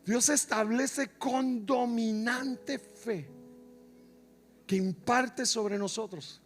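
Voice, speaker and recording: A male pastor delivers an impassioned sermon in a church. His voice sits very high for a man, and he preaches slowly and deliberately, repeating key phrases. He swings from loud shouts down to hushed, near-whispered lines. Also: faint music behind. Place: church sanctuary.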